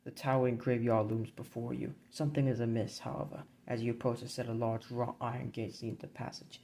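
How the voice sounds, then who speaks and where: A man narrating a dark board game campaign in a measured, grim storybook reading. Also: medium pitch, level tone, low-quality recording.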